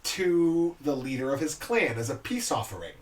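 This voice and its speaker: A man co-hosting a podcast, casually chatting about his tabletop game characters in a relaxed, explanatory way. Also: mid-range voice, normal speed. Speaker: podcast co-host. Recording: distant mic with faint background noise.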